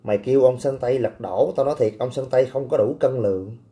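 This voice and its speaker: A man's voice: mid-range voice, quick pace, mellow. A man hosting a casual livestream, reading viewer comments with brash, teasing, coarse banter. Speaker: livestream host.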